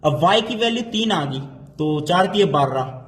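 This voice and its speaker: A man teaching a math lesson. He mixes Hindi and English and hypes up each solved step. He slows right down when he reads textbook problems aloud. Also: sits high. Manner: energetic, hypes up his solutions. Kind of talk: chalkboard-style math lesson.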